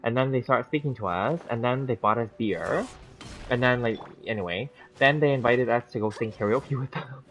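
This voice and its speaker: In a mid-range, slightly bright voice at normal speed, a gaming streamer in his thirties casually chats with viewers on a livestream. His rambling tale is full of fillers and restarts, with easy laughter, and the stream sounds dull and lo-fi.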